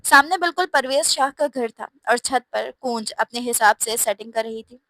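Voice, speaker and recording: A woman narrating a romantic novel in a steady, expressive reading voice. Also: a little high, normal speed, no room sound. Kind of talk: scripted storybook narration.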